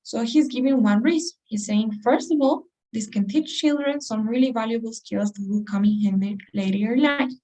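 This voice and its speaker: A woman's voice: on the high side, moderate pace, few pauses, warm tone, far from the mic, low-quality recording. A woman teaching an English test-prep class, explaining step by step and putting questions to her students. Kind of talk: class lesson.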